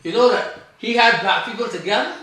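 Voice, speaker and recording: A high, fairly bright male voice comes a little fast from an older guest author from Barbados. In a very echoey room he rambles through conversational storytelling, stressing his points, repeating them, and drifting off mid-thought.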